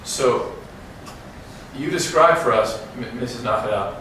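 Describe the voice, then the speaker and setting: Male attorney, polite formal questioning, mid pitch, distant from the mic in a very echoey room. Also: a little slow, pushed and bright, slight background noise. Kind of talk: courtroom questioning. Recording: distant, very echoey courtroom audio.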